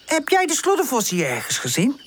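A woman voicing an eager, impulsive male puppy in a children's audiobook, breathless and excitable. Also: high-pitched, brisk, a little hiss or hum, pitched above the performer's own voice. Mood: cheerful.

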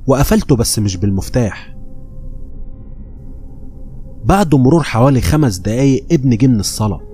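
Mellow Egyptian man narrating horror. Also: medium pitch, a little fast, soft background music. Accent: Egyptian Arabic. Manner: steady storytelling, voicing quoted people. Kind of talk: scripted horror story narration.

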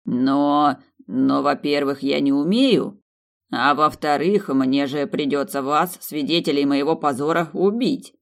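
Vain high demon man, pompous and easily offended, as the narrator puts him on. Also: unhurried, gravelly. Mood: indignant. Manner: indignant and pompous. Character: proud male high demon, vain genius.

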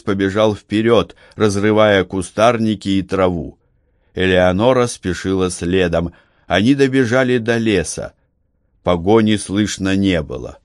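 Low-voiced guy reading a novel, very slow, dry close mic. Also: no echo. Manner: measured, unhurried reading. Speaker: audiobook narrator. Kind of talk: scripted narration.

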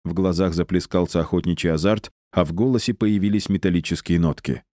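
A male audiobook narrator with a deep, dark voice. He reads in a measured, even way. The sound is dry and close. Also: no echo. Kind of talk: scripted narration.

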